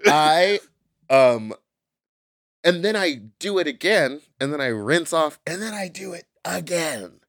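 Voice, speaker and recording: A man's voice: fairly high pitch, animated, takes it slowly, vocal fry, a bit bright, dry recording, studio quality. A man podcast host chatting casually and comedically in a sassy, campy drag-queen manner, full of slang.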